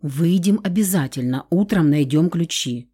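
A woman voicing a calm, reasonable young man who answers in a level way. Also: sits low, normal speed, husky.

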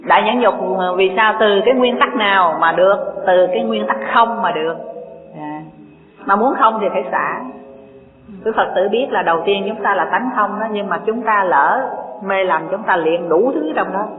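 Buddhist teacher, unhurried preaching with rhetorical questions; tinny lo-fi recording in a reverberant hall, faint music behind. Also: mid-range voice. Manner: unhurried, asks rhetorical questions, reads scripture aloud. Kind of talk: dharma talk sermon.

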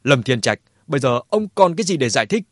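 A man's voice: a little high, expressive, fast, slightly rough, no room sound, studio quality. A man voicing a furious, grieving tycoon who speaks coldly through gritted teeth. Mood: cold fury.

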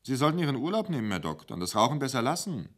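A man's voice: mid-range voice, sing-song, very fast, a bit bright, voice pushed up. A man voicing a sturdy, cheerful waitress who fusses and coaxes. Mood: coaxing. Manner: pushy, coaxing.

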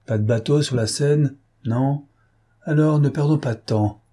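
A man's voice: medium pitch, a little slow, breathy edge, voice pushed up. A man doing a cold, curt gang boss. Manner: curt, commanding, hushed menace. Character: cold male gang leader giving orders.

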